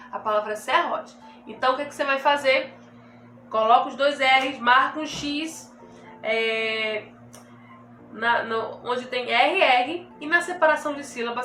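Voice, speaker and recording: A high, bright woman's voice, teaching children over a recording. She drags key words out slowly and keeps checking that the pupils follow. The sound is roomy, with faint music behind her. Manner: slow, drawn-out emphasis on key words. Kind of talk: remote grammar lesson for children. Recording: echoey room with faint music.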